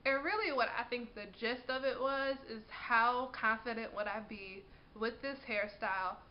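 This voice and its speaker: A woman's voice: fairly high pitch, moderate pace, muffled recording, a little hiss or hum. A woman in her twenties chatting to camera in a vlog, congested from a cold and sniffling, talking casually and laughing often. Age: 20s. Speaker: vlogger.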